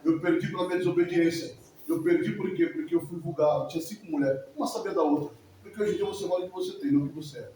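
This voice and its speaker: In a racing, slightly high voice with a dark tone, a man in his forties offers an emotional church testimony that rambles and often repeats. The echoey church hall recording is made from a distance, with faint noise.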